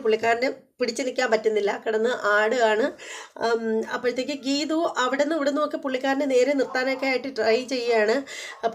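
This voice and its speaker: A woman vlogger retelling a TV serial episode in a chatty, rapid way. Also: fairly high pitch, a little mellow.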